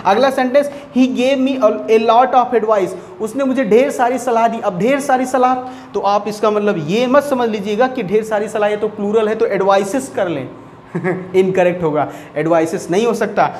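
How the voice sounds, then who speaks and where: A man teaching English grammar in Hindi, who repeats each rule and reads English example sentences slowly in an Indian accent. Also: sits high, darkish tone. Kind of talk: Hindi-medium grammar lesson. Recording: echoey room, faint background hiss.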